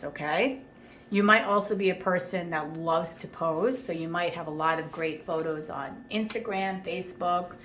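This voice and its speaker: Tarot reading lady, kinda low voice, talks to you like a friend, roomy echo and faint hiss. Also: fairly bright tone. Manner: chatty, reassuring, frequent "okay?" check-ins. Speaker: tarot reader. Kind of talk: casual tarot reading monologue. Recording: echoey room with faint ambient noise.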